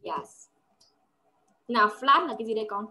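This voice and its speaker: A woman gives a one-on-one lesson in a fairly high voice. She explains patiently, repeats words for drilling and keeps checking that her pupil follows. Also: expressive, normal speed, pushed and bright. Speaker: English tutor.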